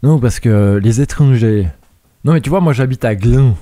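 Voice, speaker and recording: A man's voice: medium pitch, normal speed, warm tone, dry recording, clean studio sound, pitched below the performer's own voice, natural voice. A man putting on an exaggerated Vaud accent, playing a fretful, conservative pub regular. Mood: grumbling. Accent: exaggerated Vaud (Swiss French). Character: fearful conservative Vaud barfly, grumbling politics.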